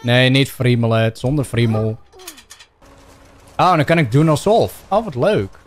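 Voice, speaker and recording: A young man with a Dutch accent giving excitable gameplay commentary, shouting and yelping playfully as he plays. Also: a little slow. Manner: shouty, playful, bursts into silly high yelps. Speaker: gaming YouTuber.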